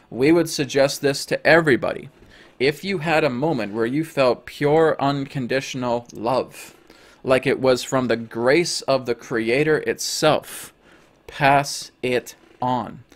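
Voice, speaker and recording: A calm, preachy spirit guide, channeled by a hoarse man, delivers a slow, emphatic teaching in a mid-pitched voice. It speaks for a collective "we", leaning hard on its repeated phrases. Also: natural voice.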